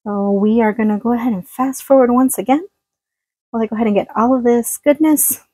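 A woman cooking vlogger with a fairly high, dark, husky voice talks fairly quickly in a casual chat to camera, laughing often as she cooks in a small trailer kitchen. The audio is poor but has no room sound, recorded on a phone-plugged mic near the counter.

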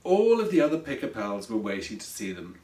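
A man who wrote the story reads it aloud slowly and expressively as children's storybook narration. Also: fairly low pitch. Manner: slow, expressive read-aloud. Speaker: author reading his own story. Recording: roomy echo from a distance.

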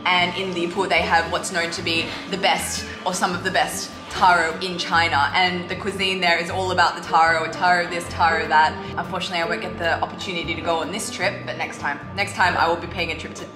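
A woman's voice: lowish voice, level tone, a little fast, few pauses. Young woman vlogger, bubbly, roomy dining room sound with music under it. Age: young adult. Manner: chatty and enthusiastic, laughs often. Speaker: food vlogger. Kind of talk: casual food vlog. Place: indoor restaurant dining room.

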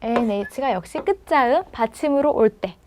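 A woman teaching pronunciation in a video lesson, patiently prompting and sounding words out slowly. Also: a little high, lively intonation, a little mellow, slight background noise. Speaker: language teacher.

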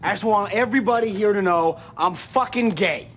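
An actor playing a brash, foul-mouthed young man from a rough family, blunt and streetwise, in a TV drama. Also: sits high, normal speed, a bit bright, a little hiss or hum. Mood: furious shouting. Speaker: TV drama character.

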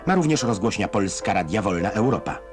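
Low-voiced, wry old newsreel narrator, male. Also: lively intonation, brisk. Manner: wry, ironic delivery of scripted commentary. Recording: music bed behind narration. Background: music.

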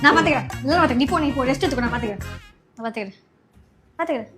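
A woman's voice: high voice, animated, very fast, music in the background. A young woman acting a wife in a comedy skit, coaxing and then scolding her partner in a nagging way. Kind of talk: acted comedy skit dialogue.

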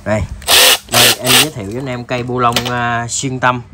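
A man with a southern Vietnamese accent giving a casual, halting sales demo, addressing viewers informally like buddies. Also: mid-range voice, level tone, very noisy. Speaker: tool seller presenting products.

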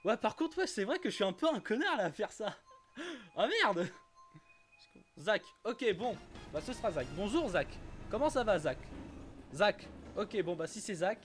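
A man's voice: high-pitched, very animated, moderate pace, soft background music. A man streaming a kart racing game live, chatting casually with viewers, often stumbling and repeating himself and swearing now and then.

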